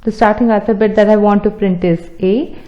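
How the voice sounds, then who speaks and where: A woman's voice: medium pitch, a little fast, dull audio. A woman explaining a programming lesson step by step over her screen recording. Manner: steady explaining, talks through each step. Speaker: programming teacher. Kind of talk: screen-recorded coding tutorial.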